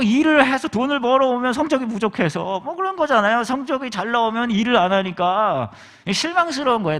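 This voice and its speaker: A man preaching a humorous sermon, telling stories from his school days and acting out the people in them. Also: sits high. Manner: lively, joking, acts out quoted people. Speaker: pastor. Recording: long reverb of a large hall.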